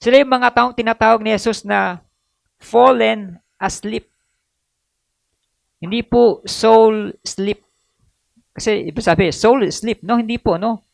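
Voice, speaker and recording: A man preaching a sermon, mixing in English, reading verses slowly and adding frequent tag questions and hesitations. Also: high voice, gravelly, no echo. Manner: switches between Tagalog and English, reads Bible verses slowly. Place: church.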